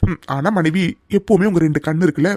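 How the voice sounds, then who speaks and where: A man voicing a protective young man who is deeply in love and speaks in an insistent, pleading way in a cartoon dub. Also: fast, a little mellow, no echo, studio quality, lightly acted.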